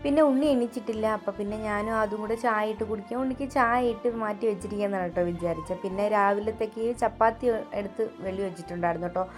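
A woman's voice: mid-range voice, quick pace, few pauses, over music. A young Malayali woman narrating her Sunday at home in a chatty voice-over, often adding little tag questions. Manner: chatty, keeps adding "കേട്ടോ". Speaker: home vlogger, mother.

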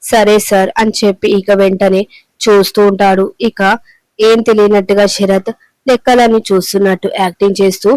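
A woman narrating a recap of a television serial with steady, repetitive storytelling. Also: mid-range voice, normal speed, no room sound, rough recording.

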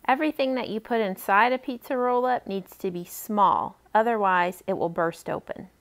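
She's a library cooking host for kids, a woman in her thirties with a mid-range voice speaking at normal speed. She walks children through a cooking demonstration in friendly, simple steps, encouraging them along the way.

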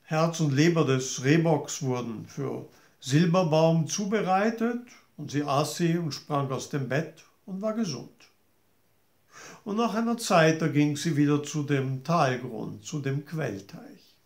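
A male storyteller telling a fairy tale to children, gently addressing his listeners directly. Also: fairly high pitch, measured pace. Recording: roomy echo.

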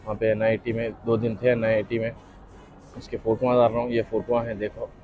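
A man's voice: fairly low pitch, monotone, fairly quick. A young man, a vlogger telling a rambling story in casual chat and acting out the lines of the people in it. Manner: rambling, reenacts dialogue. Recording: dull lo-fi audio with faint music.

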